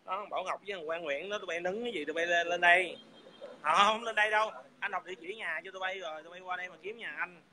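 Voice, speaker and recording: A man's voice: high-pitched, fast, pushed and bright. A man hurling crude, taunting insults in a heated livestream rant. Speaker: livestream speaker.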